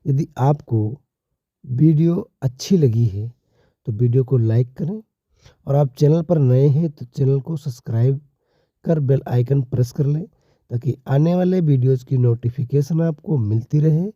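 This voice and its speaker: A male teacher explains step by step at a very slow, measured pace. His voice is dark and mellow, slightly higher than most men's, and sits dry and close in a dull, lo-fi recording. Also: no echo. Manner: deliberate, addresses viewers as "companions". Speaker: English teacher.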